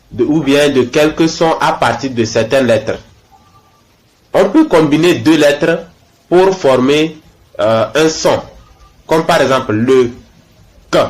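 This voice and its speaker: A male language teacher speaks in a somewhat high voice, taking his time over each letter. He repeats example words twice and pauses to ask "ok?" before moving on. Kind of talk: language lesson.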